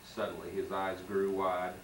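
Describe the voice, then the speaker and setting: A man's voice: low-pitched, monotone, moderate pace, a little hiss or hum. A man reading a children's book aloud at a school program and cueing the student readers, heard on an old home video. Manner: reads the story and cues the student readers. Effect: old home video tape sound. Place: school hall. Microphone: far camcorder mic. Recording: echoey hall taped from far off.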